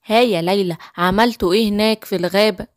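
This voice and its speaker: A woman voicing a gentle, caring mother in a children's cartoon story, speaking soothingly with an Egyptian Arabic accent. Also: mid-range voice, steady tone, quick pace, dry recording, studio quality, natural voice.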